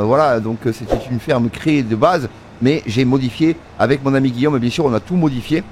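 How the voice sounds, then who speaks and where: A man's voice: medium pitch, a little hiss or hum. A man giving casual, filler-heavy commentary over his farming game and joking with the workers in it. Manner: chatty, many fillers, talks to workers in the game. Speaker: gaming video creator. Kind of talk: casual let's-play commentary.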